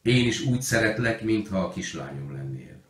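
A man voicing a gentle, devoted young woman teacher who speaks softly and tenderly, in a roomy recording. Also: lowish voice, big pitch swings. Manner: soft and tender. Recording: roomy echo.

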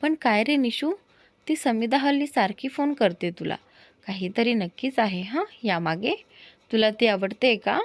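A woman's voice: a little high, lively intonation, measured pace, dry recording. A woman voicing an easygoing young man who teases his friend in a spoken storybook. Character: calm, generous young man, teasing friend.

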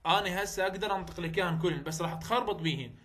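A man with an Iraqi Arabic accent teaching English vowel sounds, repeating example words slowly and coaching the viewer directly. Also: high voice, a bit bright. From Iraq. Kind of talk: phonetics lesson.

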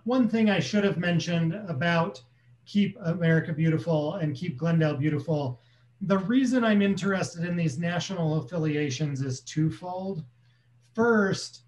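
A man in his thirties chairs a community council meeting over a video call from a small room at home, explaining things plainly with many ums. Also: fairly high pitch. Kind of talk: casual meeting talk. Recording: echoey room.

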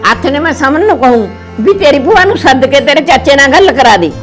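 A woman's voice: high-pitched, lively intonation, fairly quick, soft background music. An older woman with a Punjabi accent playing a mother in a village family drama, complaining and lamenting.

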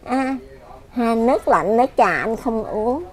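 A woman's voice: fairly high pitch, lively intonation, a little slow, darkish tone. An older woman with a Southern Vietnamese accent, rambling and repeating herself as she complains about her life. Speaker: elderly widow being interviewed. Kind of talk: casual chat.

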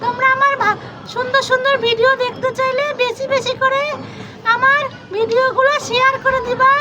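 A woman's voice: very high-pitched, level tone, brisk, noisy background, voice pushed up. A woman voicing a cheerful, boastful little boy who talks to viewers in a sing-song, showing-off way.

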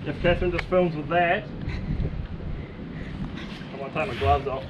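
Casual male angler, broad New Zealand accent, voice a bit high, noisy waterside recording. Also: steady tone, moderate pace, dull audio. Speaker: angler presenting a fishing video. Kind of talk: casual outdoor chat. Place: outdoors on coastal rocks by tide pools.

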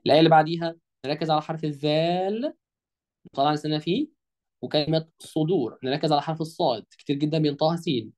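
A man with an Egyptian Arabic accent teaching an online Quran lesson. He quizzes his listeners with prompting questions and stretches words out slowly to show how they are pronounced. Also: on the high side, a little mellow. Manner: drawls words slowly to demonstrate pronunciation.

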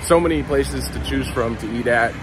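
With a mid-range voice at a normal speed, a man in roughly his forties gives relaxed, informal travel vlog narration. He records on a phone held at arm's length while outdoors in town and on the beach. The background is noisy.

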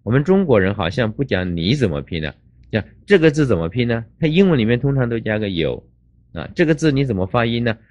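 An older man lecturing as an English teacher, explaining grammar slowly with drawn-out fillers. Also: medium pitch, very animated, darkish tone, dry recording, dull audio.

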